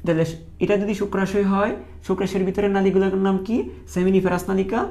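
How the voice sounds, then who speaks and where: Gravelly male teacher drilling key terms. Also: high-pitched, flat delivery, fast, a little mellow. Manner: repeats key terms as questions, drilling students. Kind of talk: online lecture.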